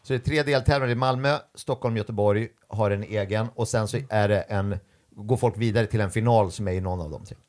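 Animated man telling comic stories. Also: on the low side. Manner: animated, acts out quoted voices. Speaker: stand-up comedian guest. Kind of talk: casual storytelling chat.

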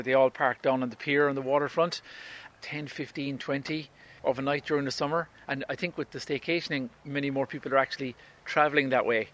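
A man's voice: medium pitch, fairly bright tone. A radio presenter from County Kerry with a Kerry Irish accent, a man chatting in an interview. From County Kerry, Ireland.

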